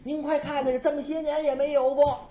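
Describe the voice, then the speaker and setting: A storyteller voicing a flustered, excited old maidservant in a traditional storytelling performance, breathless and hurried. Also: sits high, reverberant, lightly acted. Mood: alarmed.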